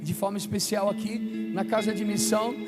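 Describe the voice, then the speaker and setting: A man in his fifties, a high-voiced Brazilian preacher, keeps a fairly even intonation while declaiming emphatically with deliberate pauses. His live sermon features emphatic scripture and call-and-response, echoing with long reverb in a large hall over background music.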